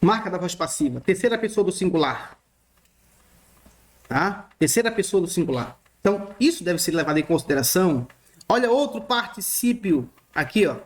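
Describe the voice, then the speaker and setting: A male teacher walks through a grammar lesson. His pitch moves freely up and down as he points at written text. He repeats himself and checks in with his students again and again. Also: very animated, moderate pace. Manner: repeats points and checks in often with short questions. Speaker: Greek teacher. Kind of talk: recorded online lesson explaining grammar.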